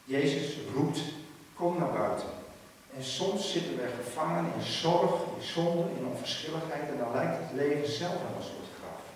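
A man preaching a sermon, earnest in tone, rising loud when he voices the quoted calls. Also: fairly high pitch, moderate pace, few pauses, a little hiss or hum. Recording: echoey hall, picked up from a distance.

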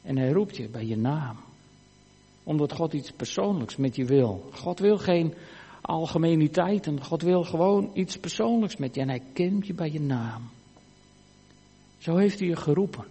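A man preaching a sermon in a church, earnest, moving between emphatic lines and hushed, quiet ones. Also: fairly high pitch, lively intonation, normal speed, husky. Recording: church hall reverb.

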